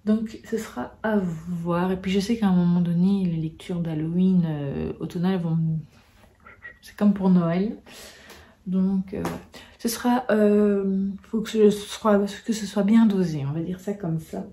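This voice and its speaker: Rambling French woman vlogger, mellow voice. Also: lowish voice, steady tone, a little slow. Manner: rambling, many fillers and restarts. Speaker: book vlogger. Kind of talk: casual chat to camera.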